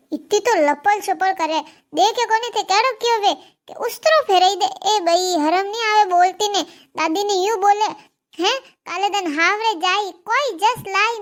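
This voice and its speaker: A woman voicing a grumbling older grandmother in a cartoon comedy, speaking with a Marwari accent and complaining and scolding. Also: very high-pitched. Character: grumbling old grandmother with four sons. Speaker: cartoon character.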